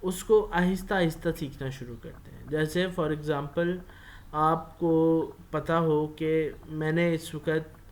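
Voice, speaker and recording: Pakistani male lecturer, conversational classroom delivery, frequent filler pauses. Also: fairly high pitch, steady tone. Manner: mixes Urdu with English phrases, many filler pauses. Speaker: university lecturer.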